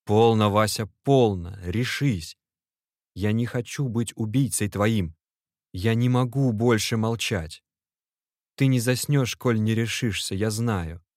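A man's voice: lowish voice, takes it slowly, dry recording, clean studio sound, voice pushed up. A man voicing an anxious, devoted young male clerk who pleads and cries out to his friend. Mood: pleading. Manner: pleading, agitated, shouting.

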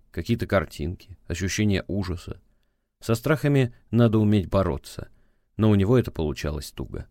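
A man reading an audiobook in a measured, dramatic narration style. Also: low-pitched, a little mellow, no room sound, studio quality. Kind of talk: scripted narration.

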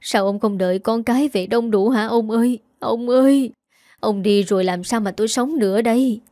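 A woman's voice: fairly high pitch, moderate pace, dark tone, no echo, studio quality, close to an everyday voice. A woman voicing a scheming middle-aged woman who wails with put-on grief over her husband, in a spoken horror story. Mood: fake grief. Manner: theatrical wailing.

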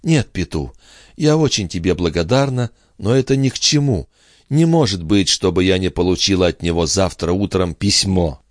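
A man's voice: sits low, moderate pace, no echo, studio quality, lightly acted. A man voicing a fretful young country girl. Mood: anxious. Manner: pleading, fretful, shifting to whispers.

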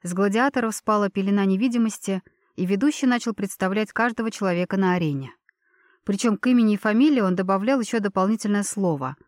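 A woman reading a first-person fantasy novel as a steady audiobook narrator, voicing the dialogue with small lifts. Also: mid-range voice, quick pace, no echo, studio quality.

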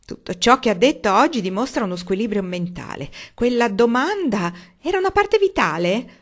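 A woman reading aloud, voicing a gruff, angry old uncle who grumbles loudly and indignantly. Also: a little high, big pitch swings, normal speed, pitched above the performer's own voice.

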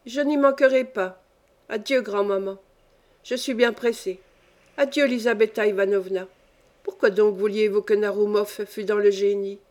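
A woman reading a story aloud, voicing a hurried young man taking leave of his grandmother in a brisk manner. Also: mid-range voice, fairly even intonation, darkish tone, close to an everyday voice.

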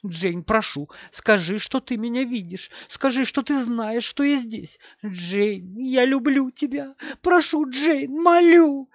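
A man's voice: very high voice, slow pace, few pauses, dry recording, muffled recording, pitched above the performer's own voice, heavily acted. A man voicing a desperate grieving mother who shrieks and begs in an audiobook. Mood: pleading. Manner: shrieking, begging. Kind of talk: audiobook character voice.

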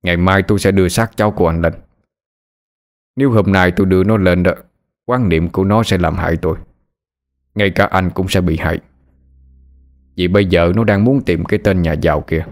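A man voicing a calm, wise old grandfather who draws protective charms. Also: deep voice, brisk, long pauses. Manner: calm, reassuring.

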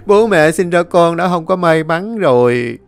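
A man voicing a drunk, boastful young village man who talks loud and cocky. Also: a little high, expressive, unhurried, vocal fry, clear, resonant tone, no echo, voice pushed up. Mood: wailing.

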